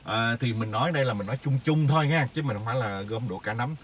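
A middle-aged man, telling stories in a casual, rambling monologue full of hesitant filler pauses. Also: mid-range voice, a little hiss or hum. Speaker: vlogger sharing stories.

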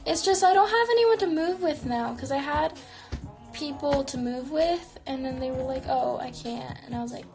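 There's music in the background as this woman in her twenties talks at a moderate pace in a high voice, answering viewers' questions on a live stream. She's chatty and reflective, peppering her speech with "like," and films indoors in a small neon-lit bedroom on a phone camera near her face.

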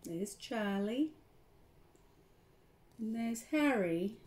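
An older woman reads a picture book aloud to small children, her voice rising and falling with lively swings. She takes her time and pauses to chat about the pictures. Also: on the high side. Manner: animated, slows down to talk about the pictures. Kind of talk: storybook read-aloud to children.

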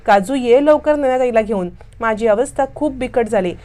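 A woman's voice: on the high side, moderate pace, warm tone, lightly acted. A woman voicing a young bride anxiously thinking to herself. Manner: fretful inner monologue.

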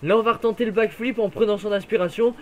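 A man giving jokey, excitable play-by-play of a racing game, his voice worn from being ill. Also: sits high, fast talker. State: voice worn from illness. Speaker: gaming YouTuber.

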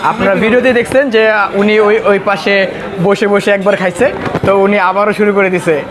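A man's voice: high voice, steady tone, normal speed. A young Bangladeshi man, chatting casually as a food vlogger and listing dishes in a busy restaurant. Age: young adult. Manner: chatty, lists dishes, jokes with friends. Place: busy indoor buffet restaurant. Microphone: handheld camera. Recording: loud restaurant crowd behind.

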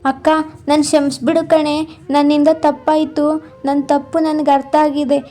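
A woman plays a young younger sister in an animated tale, her voice pushed very high and eager. Light music sits faintly behind. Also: unhurried. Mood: remorseful. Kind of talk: cartoon voice acting.

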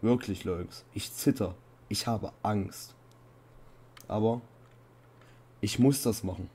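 A young man narrates a spooky game session at an unhurried pace, keeping it casual and joking about how frightened he is. Every so often he jumps into high, panicked yelps before settling back down. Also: slightly rough. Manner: playful mock fear, bursts into high panicked shouts. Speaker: Minecraft let's-play host. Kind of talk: casual gaming commentary.

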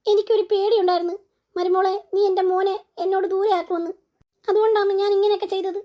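A woman's voice: very high-pitched, little pitch movement, quick pace, dark tone. A woman voicing a remorseful older mother-in-law in a cartoon, lamenting with repeated cries of dismay. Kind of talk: cartoon voice acting.

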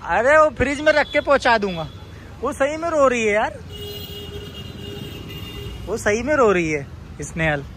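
A man vlogging casually on a phone camera around his office, hurrying people along excitedly. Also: very high-pitched, faint music behind. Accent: Mumbai Hindi. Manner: excited, hurried urging. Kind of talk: casual vlog chat. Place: office building and street, crowded. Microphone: handheld phone camera. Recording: busy crowd noise behind.

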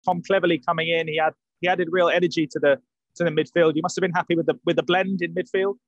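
A man in his forties asks a manager questions over a video call with earphones, rephrasing as he goes. His voice sits high for a man. The sound is close and dry. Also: level tone, quick pace, dry recording, muffled recording. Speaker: journalist. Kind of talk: press conference questions. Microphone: earphone headset on video call.

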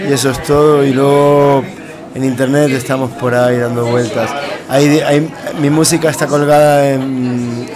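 Modest man in a noisy café. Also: mid-range voice. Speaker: musician interviewed. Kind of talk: casual interview. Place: small café music venue, indoors. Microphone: handheld interviewer mic.

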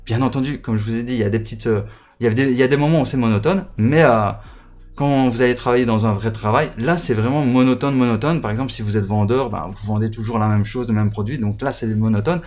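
A man chats casually to his viewers as a gaming YouTuber. His voice sits at an ordinary middle pitch, and he often stalls, restarts and repeats himself. Faint music plays softly behind him. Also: quick pace. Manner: hesitant, many fillers, repeats words.

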